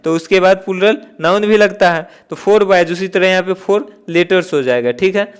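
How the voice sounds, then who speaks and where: Speaking at normal speed, a man with a clear, smooth, high voice teaches exam-prep English grammar in a classroom style. He answers his own questions as he moves step by step through each item, repeating the main points with "theek hai".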